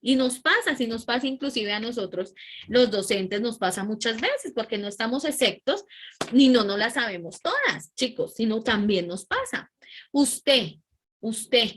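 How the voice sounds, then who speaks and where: A woman teacher giving an animated class and often checking in with her students. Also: on the high side, normal speed, breathy edge. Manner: animated, keeps checking in with "¿sí?" and "¿listo?". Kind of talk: online class lecture.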